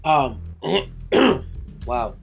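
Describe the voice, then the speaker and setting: A man's voice: a little high, very animated, extremely slow, gravelly, husky, soft background music. Rambling man recapping a show. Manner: rambling retelling with laughs and restarts. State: coughing, voice breaking. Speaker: podcast co-host. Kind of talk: casual recap chat.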